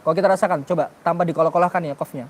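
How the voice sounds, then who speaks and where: Guy teaching tajwid to a class, bit high-pitched, keeps quizzing students and saying letter sounds. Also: fairly even intonation, rapid-fire. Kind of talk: classroom lesson on Quranic pronunciation.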